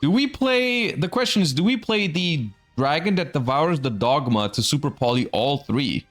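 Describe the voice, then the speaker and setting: A man's voice: mid-range voice, lively intonation, normal speed, soft background music. A man hosting and commentating a live card game tournament in a conversational, explanatory announcer manner.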